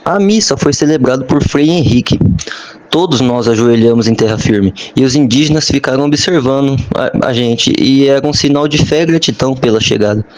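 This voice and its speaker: A young man playing an earnest Portuguese ship hand, remembering the voyage with a slightly halting delivery on a school podcast. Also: medium pitch, a little mellow, natural voice. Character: male Portuguese ship maintenance sailor, earnest. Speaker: interviewee. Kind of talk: school podcast role-play.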